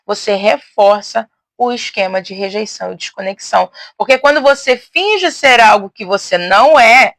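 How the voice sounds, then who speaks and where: A high-voiced woman teaching in a casual, outgoing way. She speaks loudly and expansively, often adding tag questions and restarting her sentences. The sound is dry, with no room echo. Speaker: teacher and host. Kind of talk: casual teaching on faith and psychology.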